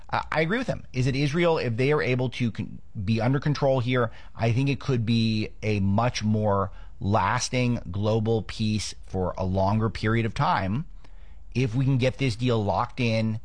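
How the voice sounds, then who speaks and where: A man's voice: medium pitch, dry recording. A man from Los Angeles hosting a political commentary show, talking off the cuff with frequent restarts. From Los Angeles, United States.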